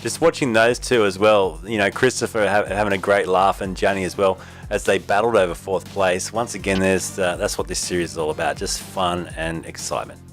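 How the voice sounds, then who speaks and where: A man's voice: low voice, steady tone, fairly quick, hardly any pauses, faint music behind. An Australian man hosting a sim racing broadcast, wrapping up and plugging sponsors in an easygoing way. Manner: easygoing, reads sponsor plugs. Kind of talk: casual post-race wrap-up.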